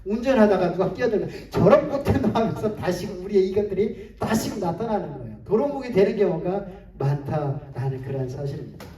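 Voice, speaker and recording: A male pastor preaching a sermon in a church sanctuary, with lively rhetorical questions and frequent chuckles. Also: high-pitched, fairly quick, few pauses. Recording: echoey hall, distant mic, faint hiss.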